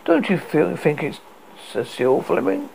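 A man's voice: on the high side, big pitch swings, unhurried, vocal fry, darkish tone, slight background noise, full character voice, poor audio. A man voicing a matter-of-fact male trader explaining to a crowd.

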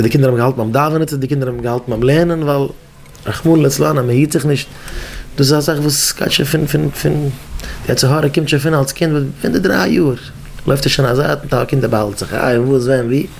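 A man teaching educators in a rabbinic lecture, telling stories in halting, repetitive speech. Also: a little high, gravelly, a little mellow, a little hiss or hum. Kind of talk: Yiddish-flavored Torah lecture.

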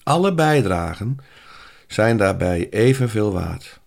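A man presenting a reflective spoken essay who speaks calmly and directly to his listeners and tells short stories. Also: fairly low pitch, slow pace, creaky. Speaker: radio presenter.

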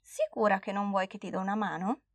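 A woman voicing a serene old grandmother in a storybook, speaking softly and calmly to reassure a child. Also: mid-range voice, fairly quick, no echo, natural voice. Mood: gentle. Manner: soft, calm and reassuring.

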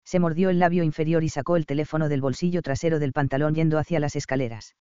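A man narrating a romance novel audiobook in a calm, even manner. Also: on the high side, fast talker, clear, resonant tone, no echo, lo-fi sound. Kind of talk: scripted narration.

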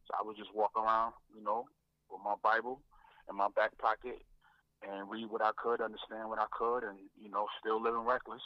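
A man, a guest rapper, telling his faith story in a reflective way, often repeating words and filling pauses. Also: on the low side, flat delivery, dry recording, lo-fi sound.

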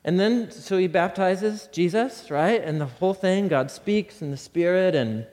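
A man teaches scripture in a relaxed, conversational way, his fairly high voice swinging up and down with energy. He keeps turning to his listeners with questions. The recording carries a long, lingering reverb. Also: unhurried. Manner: animated, talks to the audience with rhetorical questions. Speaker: Bible teacher.

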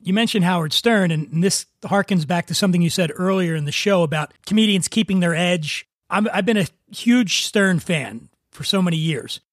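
Male podcast host for relaxed chat interview, high raspy voice, very dry recording. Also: moderate pace, few pauses, no echo.

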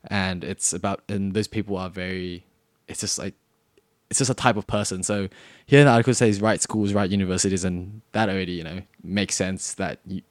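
A young Australian man co-hosting a podcast chats casually, rambling and leaning heavily on fillers. His low voice holds a steady tone at a brisk pace, with no echo.

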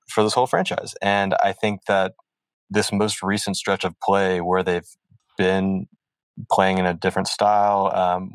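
Deep-voiced thoughtful podcast host. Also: male voice, no echo, rough recording. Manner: thoughtful and measured, with many ums. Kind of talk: casual sports chat.

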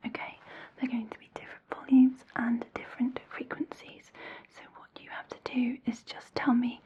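Woman whispering soft and slow, asmr hearing test, fairly high voice. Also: highs cut off. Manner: soft, slow, reassuring instructions. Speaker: ASMR roleplay hearing examiner.

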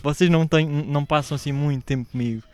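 Um homem jovem com sotaque português europeu, a contar uma história numa conversa descontraída de podcast, imitando as falas dos outros com animação. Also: male voice, a little high, fast, clear, resonant tone, no echo. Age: young adult. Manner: animated storytelling, acts out shouted quotes. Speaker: podcast guest telling a story. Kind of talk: casual podcast chat.

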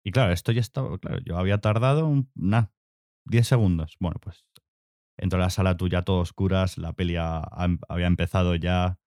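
Young man, low voice, casual podcast chat, rambling storyteller, dry close sound. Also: fairly quick, darkish tone, dry recording. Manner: rambling storytelling with fillers and swearing. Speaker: podcast co-host.

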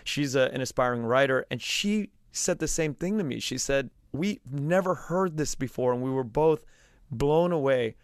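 A man hosting an interview, asking questions in a halting, careful way with frequent restarts. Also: medium pitch, expressive, clean tone, dry recording, studio quality. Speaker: podcast host.

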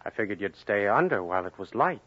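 An American actor playing a nervous, evasive racketeer who talks hesitantly and placatingly in an old radio crime drama. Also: male voice, lowish voice, big pitch swings, fast, fairly bright tone. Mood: uneasy. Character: nervous, evasive male racketeer front man. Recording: muffled old radio recording.

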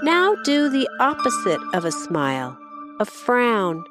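A woman gently guiding children through a mindfulness exercise in soft, slow instructions. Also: a little high, sing-song. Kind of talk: guided meditation. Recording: voice over clear music. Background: background music.

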